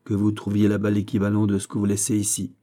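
A man's voice: lowish voice, completely flat delivery, fast talker, warm tone, close to an everyday voice. A man reading aloud, voicing a gallant duke with an earnest, urging manner. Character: gallant male English duke, persuasive.

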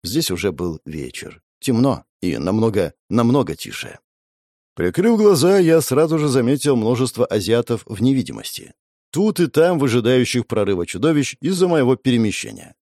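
Animated male audiobook narrator. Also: mid-range voice, moderate pace, dry recording, clean studio sound. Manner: expressive, animated reading. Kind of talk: first-person fantasy narration.

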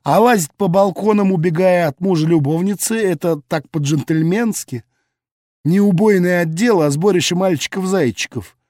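A scornful young woman with a biting, venomous tongue, put on by a man reading a story. The voice sits noticeably higher and pushier than his plain narration, recorded dry and close. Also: moderate pace, darkish tone, dry recording, natural voice. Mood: sarcastic. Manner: mocking, venomous, indignant.

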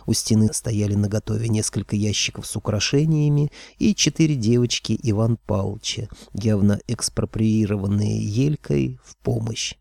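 A man's voice: lowish voice, moderate pace, gravelly, hardly any pauses, mellow, no echo. A man narrating a first-person fantasy audiobook in a wry, conversational way.

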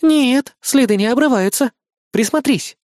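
A reader voicing a brisk, wry young female assistant. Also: high-pitched, darkish tone, no echo, studio quality, pitched above the performer's own voice. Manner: quick, matter-of-fact, teasing. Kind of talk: audiobook character voicing.

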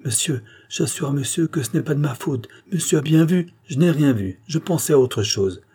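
Brisk bossy doctor giving orders, read by a guy, mellow husky tone. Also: on the high side, expressive, voice pushed up. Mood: commanding. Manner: brisk, commanding. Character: calm, authoritative middle-aged male doctor.

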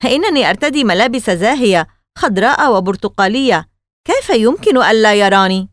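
A woman's voice: a little high, animated, a little fast, no room sound, clean studio sound, natural voice. A woman voicing a spirited twelve-year-old girl. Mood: indignant. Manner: sharp, indignant questions.

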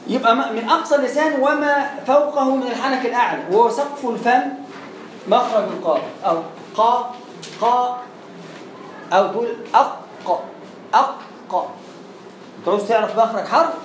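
In an explanatory lesson, a man with an Egyptian Arabic accent teaches Quran recitation chattily, sounding out letters and repeating words. His voice is extremely high-pitched and fairly quick, broken by long pauses, and the room echoes over faint background noise.

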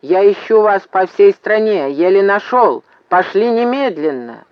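A hoarse, frantic middle-aged man yells impatiently over the noise, as a male reader puts him on. His pitch rides high and his throat sounds strained. The sound is dry and slightly dull. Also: expressive, measured pace, no echo. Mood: urgent. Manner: yelling, impatient. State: hoarse from shouting. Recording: slightly muffled dry recording.

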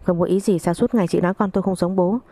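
A hurt young wife lashes out with accusations through her tears, read by a woman narrator. The voice is lowish and mellow. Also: steady tone, rapid-fire, dry recording. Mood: accusing. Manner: accusing, tearful.

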